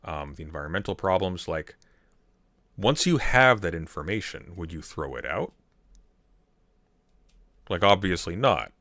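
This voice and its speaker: A man's voice: low-pitched, animated, unhurried, pauses often, bright, forceful tone, dry recording. A man hosting a casual commentary podcast, ranting emphatically and restarting his sentences as he argues. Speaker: host.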